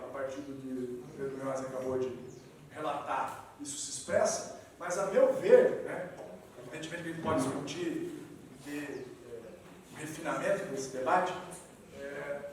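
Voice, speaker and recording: Man lecturing in echoey hall. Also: unhurried. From southern Brazil. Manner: animated, wide swings in pitch and loudness, frequent "né". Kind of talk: lecture to an audience. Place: meeting hall. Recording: echoey hall, distant mic, faint noise.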